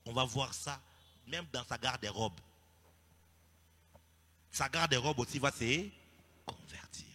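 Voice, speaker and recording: A man preaching a sermon, dropping to hushed storytelling and then rising to loud, emphatic exhortation. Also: medium pitch, breathy edge, big-room sound. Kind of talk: sermon teaching.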